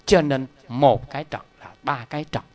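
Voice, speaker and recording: Middle-aged guy preaching a buddhist talk, animated, keeps turning to the crowd. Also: mid-range voice, normal speed. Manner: animated, emphatic, addresses the audience directly. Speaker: Buddhist lay teacher. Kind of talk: storytelling dharma talk.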